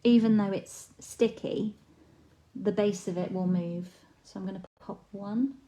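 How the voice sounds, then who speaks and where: A woman's voice: medium pitch, a little slow, low-quality recording. A woman, with a frog in her throat, giving a live craft tutorial and chatting casually while she works. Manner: chatty, relaxed, talks while working. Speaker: papercraft demonstrator.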